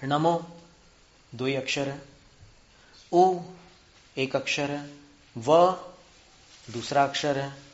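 A man teaching spelling and pronunciation, drawing out syllables slowly, counting them aloud and asking his students questions. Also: mid-range voice. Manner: asks students rhetorical questions. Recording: muffled echoey room.

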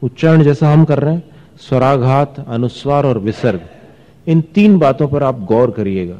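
A man's voice: mid-range voice, animated, dark tone. A man teaching a class of listeners how to pronounce and recite verses, explaining each point and asking questions. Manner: explains pronunciation, chants verses slowly, asks the class questions. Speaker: religious teacher. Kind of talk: scripture recitation lesson. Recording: dull sound with long hall reverb.

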